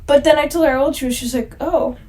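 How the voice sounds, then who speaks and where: A woman's voice: steady tone, racing, mellow. A woman in her twenties, a podcast co-host, telling stories in casual chat and acting out the people she quotes. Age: 20s. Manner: laughing storyteller, drops her voice low, acts out quotes.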